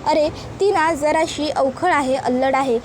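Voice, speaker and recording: A woman voicing an elder brother calmly reassuring a worried groom. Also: high-pitched, unhurried, slight background noise. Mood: soothing. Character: elder brother, soothing peacemaker.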